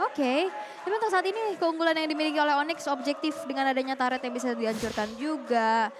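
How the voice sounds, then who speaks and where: An Indonesian woman commentates live on an esports match, breaking down the play as it happens. Her voice is high-pitched, and loud music runs behind her on the game broadcast. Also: fast.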